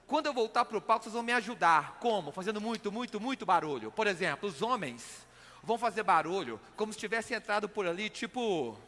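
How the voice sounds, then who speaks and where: A man's voice: high-pitched, expressive, a little fast, pushed and bright. A man with a Brazilian accent from Minas Gerais giving comic stage talk as a conversational showman who repeats words for emphasis. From Belo Horizonte, Brazil. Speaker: magician, comedian and motivational speaker. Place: on stage in a hall. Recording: reverberant hall sound.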